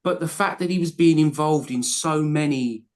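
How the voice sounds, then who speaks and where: Co-hosting a casual football podcast, a man with a fairly high voice talks at normal speed. He's passionate, going off in long, rambling runs full of restarts.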